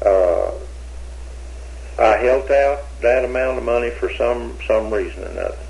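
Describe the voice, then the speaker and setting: A man's voice: mid-range voice, a little slow, creaky, darkish tone, rough recording. An older man being questioned, talking in a hesitant, rambling way with many restarts, heard on an old interrogation tape recording.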